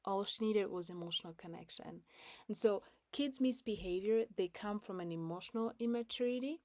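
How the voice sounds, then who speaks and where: A woman's voice: medium pitch, normal speed, darkish tone, no room sound, studio quality. A woman in her thirties speaking casually about parenting, with many fillers and acted-out quotes. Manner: conversational with fillers, acts out quoted lines. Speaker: parenting educator. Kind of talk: casual talk.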